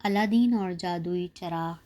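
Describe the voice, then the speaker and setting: A woman narrating a folk tale in a steady, measured storybook reading. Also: fairly low pitch.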